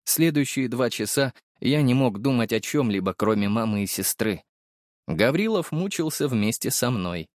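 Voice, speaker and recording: A man narrating a first-person audiobook in a lively, wry and expressive manner. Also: mid-range voice, normal speed, no room sound, studio quality.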